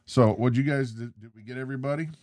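A middle-aged man co-hosts a casual home live stream, reading viewer comments with a playful, showy announcer flair. His voice sits at an ordinary middle pitch. The sound is dry and close, from a desk microphone in a living room. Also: steady tone, fast talker, darkish tone, no echo. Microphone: desk microphone on arm.

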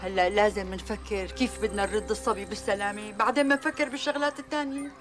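A woman playing a firm, rapid-talking friend. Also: mid-range voice, steady tone, music in the background, close to an everyday voice. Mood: urgent. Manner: firm, urgent. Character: steady friend urging calm. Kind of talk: TV drama acting.

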